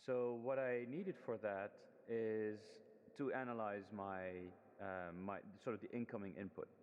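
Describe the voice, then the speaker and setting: A man's voice: fairly low pitch, steady tone, measured pace, clean tone. A man presenting his student project in a casual, hesitant demo walkthrough, full of ums and restarts, his voice soaked in heavy hall-like reverb. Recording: long reverb, dull lo-fi sound.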